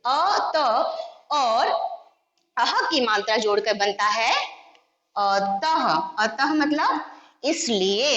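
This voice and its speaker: A woman teacher giving a slow Hindi phonics lesson for young children. She stretches out and repeats each sound and mixes words into her explanations. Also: high voice, a bit bright, lo-fi sound. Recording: echoey room with long reverb.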